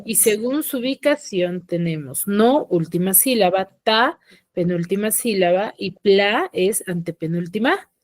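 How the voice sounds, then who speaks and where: Woman teacher, online class; slow, patient explaining, steady check-in questions, dry close sound. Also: mid-range voice, dry recording. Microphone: computer mic on a video call.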